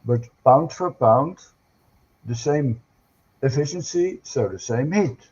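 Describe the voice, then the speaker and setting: Husky older man on dull audio. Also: mid-range voice, animated, slow, a little mellow. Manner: hesitant, frequent "uh" fillers, careful phrasing. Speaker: panel guest. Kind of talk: casual panel discussion.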